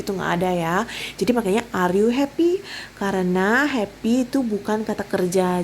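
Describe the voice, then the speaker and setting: A woman's voice: on the high side, a little hiss or hum, low-quality recording. A young woman with an Indonesian accent, an English teacher explaining grammar step by step in a recorded online lesson, mixing in English phrases and answering her own questions.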